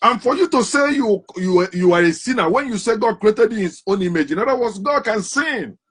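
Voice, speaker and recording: Speaking animatedly and a little fast, an African religion commentator gives a fervent, forceful monologue driven by rhetorical questions. His voice sits high, with a fairly bright yet husky tone.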